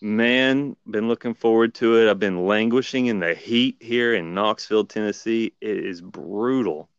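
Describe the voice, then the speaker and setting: A man's voice: fairly low pitch, normal speed, clean tone, no echo, lo-fi sound. A man co-hosting a podcast, telling a story in casual chat and acting out the voices of the people in it. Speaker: podcast co-host.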